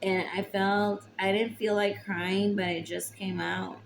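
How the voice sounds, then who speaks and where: A young woman talking to camera about her hardships, emotional and tearful, halting with long pauses. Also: mid-range voice, little pitch movement, creaky, slight background noise, poor audio. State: tearful, recently crying. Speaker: vlogger. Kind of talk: personal confessional talk to camera.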